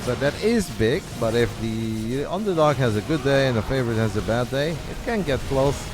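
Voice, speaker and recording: A man casting a strategy game match alone, giving chatty, excitable play-by-play that speeds up and slows down with the action. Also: mid-range voice, noisy background. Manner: chatty, excitable, says mate and guys. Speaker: esports caster. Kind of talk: solo play-by-play commentary. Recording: game music clearly behind the voice.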